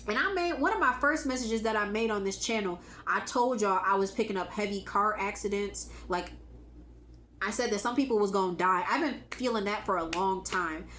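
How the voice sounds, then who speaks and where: A woman whose voice is going hoarse gives an emphatic, casual spiritual pep talk to her viewers. She speaks, repeats her key lines and swears now and then. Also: mid-range voice, normal speed, a bit bright, echoey room, a little hiss or hum. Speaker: spiritual channel host.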